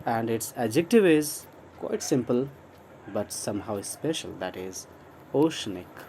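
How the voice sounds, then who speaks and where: A man's voice: mid-range voice, sing-song, drawn-out words, warm tone, slight background noise. A man from India with an Indian accent, teaching English vocabulary in a mix of Hindi and English, spelling words out letter by letter and repeating them encouragingly. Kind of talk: online vocabulary lesson.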